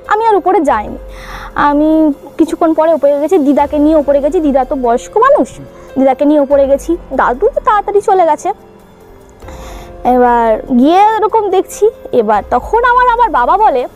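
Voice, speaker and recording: A woman's voice: high voice, expressive, normal speed, a little mellow, soft background music. A young woman recounting a childhood ghost experience in a casual, hesitant way, with many fillers and restarts. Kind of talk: casual spoken true ghost story.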